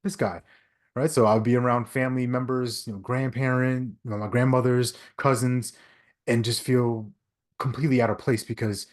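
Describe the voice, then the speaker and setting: A man in his thirties from Long Island, New York, a native English speaker, speaks at normal speed with a medium-pitched, fairly flat voice. A podcast guest and leadership speaker, he tells a reflective personal story earnestly, with frequent restarts and "right?" tags.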